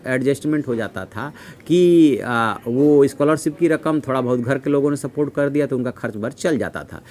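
A middle-aged man giving a measured news commentary from a newsroom desk, reading figures from notes, with frequent "uh" fillers. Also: medium pitch, darkish tone, a little hiss or hum. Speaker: news analyst. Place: newsroom office, indoors.

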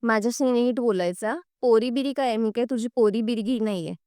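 A woman's voice: on the high side, fairly quick, warm tone, dry recording, clean studio sound, close to an everyday voice. Woman reading as a rude, scornful young wife. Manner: rude, scolding. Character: sharp-tongued haughty young wife.

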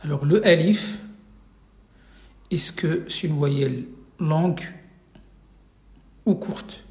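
A man's voice: fairly high pitch, slow pace, darkish tone, reverberant. A man teaching an Arabic reading class online, running a live quiz and patiently repeating each question several times for his students.

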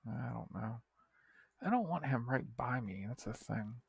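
A man's voice: medium pitch, expressive, measured pace, vocal fry, slightly rough, dry recording. A man giving casual commentary while playing a strategy game, muttering to himself and swearing in frustration. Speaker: gaming video creator.

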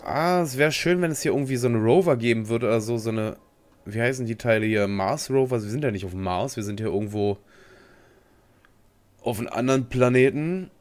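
Speaking fairly quickly in a darkish, medium-pitched voice, a young man provides offhand let's play commentary for his gaming video. He rambles, drops slang, and talks to himself throughout.

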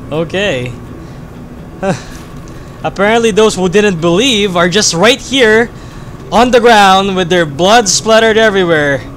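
High-voiced man gaming, loud and excitable. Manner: excitable, swearing, bursts into shouts and laughter. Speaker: gaming video host. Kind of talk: casual let's-play commentary. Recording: game audio noise underneath. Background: game sound effects and gunfire.

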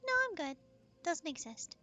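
A woman streaming a video game, chatting casually and playfully with a co-host, with excited gasps. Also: high-pitched, normal speed, faint music behind. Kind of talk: casual gaming stream chat.

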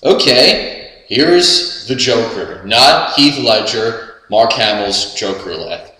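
A man's voice: mid-range voice, expressive, takes it slowly. A young man casually introducing things to a camera a few steps away in a bare room. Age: young adult. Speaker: amateur impressionist. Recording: very echoey room, faint hiss.

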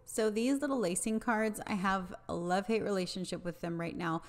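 A woman's voice: medium pitch, steady tone, fairly quick, over music. A woman in her thirties, a home vlogger, explaining her cleaning routine in a plain, matter-of-fact voice-over. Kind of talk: voice-over narration.

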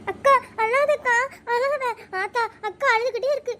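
A woman's voice: extremely high pitch, moderate pace, heavy background noise. A woman voicing a worried little village girl in a cartoon, asking anxious questions.

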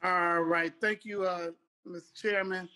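A man, a city council member, speaking into a meeting over a remote video call whose audio breaks up, talking haltingly and repeating words as he backs a project. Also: high voice, fairly even intonation, bright, forceful tone, clean tone. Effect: remote video call link, audio breaking up.

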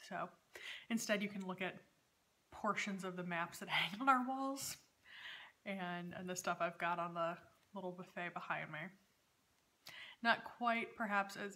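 A woman's voice: medium pitch, fairly bright tone. A woman in her thirties hosting a casual, chatty vlog from a room at home, talking in a hesitant way. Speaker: knitting podcast host. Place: dining room at home, indoors.

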